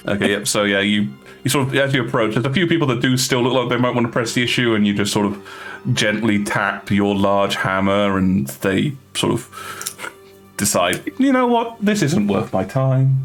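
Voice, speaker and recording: Low-voiced man running a tabletop game. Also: soft background music. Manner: relaxed, halting narration with many fillers. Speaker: game master.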